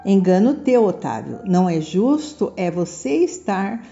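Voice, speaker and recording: A woman's voice: medium pitch, sing-song, measured pace, gravelly, warm tone. A woman storyteller voicing a stern, commanding schoolteacher in a children's story, on a muffled recording with music behind. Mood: reproving.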